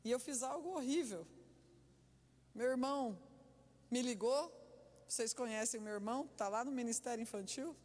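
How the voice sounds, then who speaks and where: A woman pastor preaching a sermon, telling stories with lively, animated delivery and laughter. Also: high-pitched. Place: church hall. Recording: echoey church hall.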